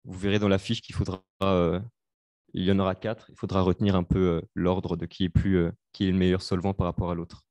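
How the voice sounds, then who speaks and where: A young man leads a live online revision session, his voice sitting fairly low. He talks through the material in halting steps, with lots of fillers and restarts. The sound is dry and close, like a computer mic. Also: little pitch movement, darkish tone, no echo. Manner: hesitant, many fillers, explains step by step. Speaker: student tutor.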